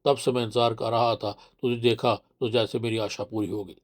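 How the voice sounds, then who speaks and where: A man's voice: medium pitch, level tone, moderate pace, lightly acted. A man reading the part of a sly village man who coaxes and presses a guest with fake friendliness. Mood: confiding. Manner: coaxing and pushy. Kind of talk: audiobook character voice.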